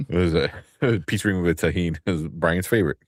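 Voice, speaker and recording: A man's voice: low-pitched, moderate pace, no echo, clean studio sound. A man hosting a casual live chat show, laughing often and rambling loosely between topics. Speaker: podcast host.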